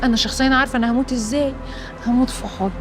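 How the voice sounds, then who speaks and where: A catty rival wife who rattles off teasing jabs in an Egyptian voice, played by an actress. Her delivery is very fast and slightly high. A music score is clearly heard behind her. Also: steady tone, lightly acted. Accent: Egyptian Arabic. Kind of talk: Egyptian TV drama acting.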